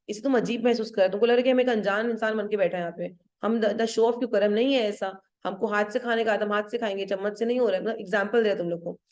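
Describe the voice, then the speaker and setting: A woman's voice: a little high, a little mellow. Hindi-teacher woman explaining a play. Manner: switches between Hindi and English, checks understanding with "ठीक है?"; reads quoted verse lines slowly. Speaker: English literature teacher. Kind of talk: line-by-line lesson explanation.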